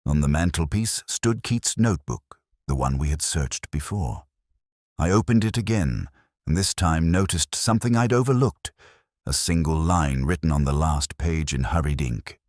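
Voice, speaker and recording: A man plays a melancholy, reflective police inspector narrating a case in a measured, literary style, like a scripted audio drama. His voice is rumbling low and darkish, recorded in clean studio sound with no echo, and the mood is somber and reflective.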